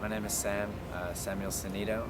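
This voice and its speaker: A man's voice: on the low side, flat delivery, brisk, very noisy. A young man from Australia with an Australian accent, an international student answering interview questions in a reflective, easygoing way. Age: young adult.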